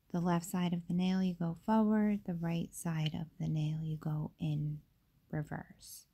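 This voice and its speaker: Feeling under the weather, a young woman chats her way through a nail tutorial with lots of filler words and side comments. Her low, warm voice carries a slight rasp.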